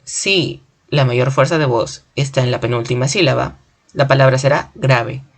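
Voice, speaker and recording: Teacher, grammar lesson, clear and deliberate, spells out syllables slowly. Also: medium pitch. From Peru.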